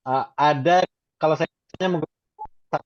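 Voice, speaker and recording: A man's voice: fairly high pitch, moderate pace, no echo, dull audio. Webinar speaker, man, hesitant, audio cutting out and glitching over a dry call line. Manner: hesitant, many filler sounds. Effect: choppy, breaking-up video call audio. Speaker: webinar speaker answering questions. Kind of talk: online webinar Q&A. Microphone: video call.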